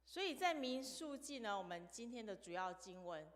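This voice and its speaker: A woman's voice: fairly high pitch, big pitch swings, normal speed. A woman preaching a sermon in a church, telling stories and asking the congregation questions. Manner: storytelling, asks the congregation questions. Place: church sanctuary. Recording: long reverb of a church hall.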